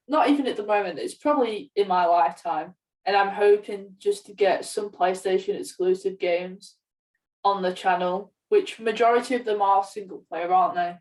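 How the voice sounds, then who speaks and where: Sounding distant from the mic, this woman co-hosts a podcast and talks casually about games. Her voice is medium in pitch and her pace moderate.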